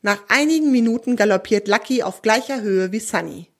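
A woman narrating a children's audio story in a calm, clear storytelling voice. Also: on the high side, a little fast.

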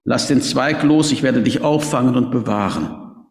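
A preacher giving voice to God in a story, speaking in a calm, measured way. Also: male voice, mid-range voice, vocal fry, natural voice. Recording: echoey reverberant hall.

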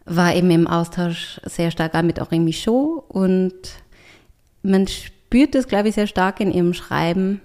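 A woman who is a writer and artist speaks as a guest in a reflective, conversational interview. She is thoughtful and searches for words, hesitating often. Her voice is on the low side, unhurried and darkish.

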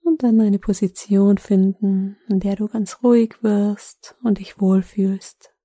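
Woman with very mellow, soothing meditation voice. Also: mid-range voice, steady tone, husky, dry recording, clean studio sound. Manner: soothing, gentle, unhurried with long pauses. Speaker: meditation guide, host. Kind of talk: guided sleep meditation.

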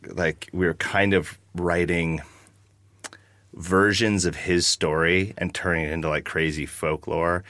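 A man's voice: deep voice, fairly even intonation, a little slow, a bit bright, no echo. A man from the United States, chatting about his band in a rambling, jokey interview. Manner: rambling, jokey, lots of fillers. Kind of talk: casual interview chat.

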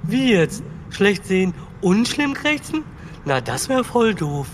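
A man's voice: high voice, big pitch swings, slow, slight background noise, exaggerated voice. An actor voicing a cheerful young male foal who talks in casual slang in a children's audio drama. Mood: chatty.

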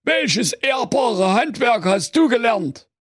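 A man plays a weary old father who has had enough of his sons. The voice is husky and slow, dry in the room. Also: very high-pitched, sing-song, dry recording, heavily acted. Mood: exasperated. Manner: weary, gruff, sarcastic. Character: grumpy old father, exasperated and sarcastic.

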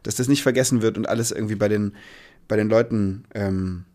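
A man's voice: lowish voice, steady tone, brisk, mellow. A man answering as an interview guest in a casual, earnest and reflective way, often searching for his words.

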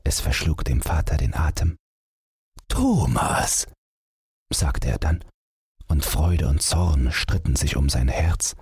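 Gender: man. Role: bedtime story reader. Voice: very deep and husky. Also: a little slow, no echo, studio quality. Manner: calm, expressive storytelling. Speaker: audiobook reader.

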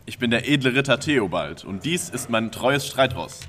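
Man doing a noble knight, proud, loud, declaiming. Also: medium pitch, lively intonation, normal speed, background noise, close to an everyday voice. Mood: grand.

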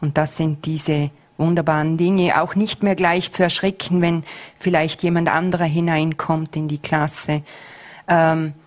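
A middle-aged woman who heads a school answers interview questions earnestly and in a measured way, hesitating often. Her voice is low and her delivery flat.

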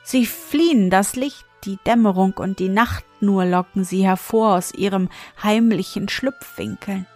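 A gentle, wistful butterfly fairy girl with a soft, hushed and lilting voice, put on by a woman reading a storybook. She is unhurried and mild, with a middling pitch. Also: lightly acted.

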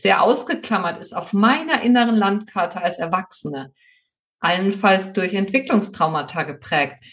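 A woman hosting a podcast, explaining her points in a calm, measured way. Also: mid-range voice. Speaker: podcast host. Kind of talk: reflective interview talk.

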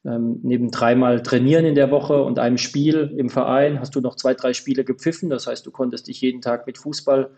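A man in his thirties with a mellow, relaxed voice at a middling pitch. He chats casually as a podcast guest, searching for words with many hesitations. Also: fairly quick, gravelly, hardly any pauses. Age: 30s. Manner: hesitant, filler-heavy. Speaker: podcast guest, football referee. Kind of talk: casual interview chat.

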